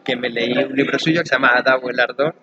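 A man's voice: mid-range voice, steady tone, quick pace, muffled recording, heavy background noise. A man from Madrid with a Madrid Spanish accent, a novelist guest who talks thoughtfully and enthusiastically about his book. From Madrid, Spain. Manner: thoughtful, enthusiastic, explains at length. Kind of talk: conversational interview.

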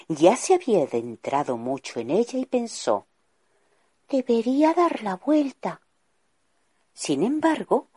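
A woman with a Spain Spanish accent reading a bedtime story to children, slow and gentle, husky. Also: sits low, no room sound.

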